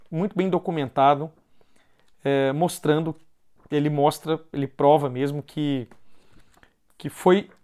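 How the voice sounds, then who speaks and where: A man's voice: on the high side, darkish tone. A man with a Brazilian Portuguese accent, giving an informal explanatory talk and often ending phrases with a questioning "né". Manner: loosely paced with pauses and restarts.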